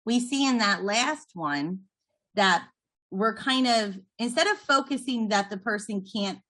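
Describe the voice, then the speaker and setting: A woman's voice: a little high, animated, measured pace, a bit bright. A woman leading a training session, explaining patiently and encouraging the trainees. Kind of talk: instructional talk to trainees.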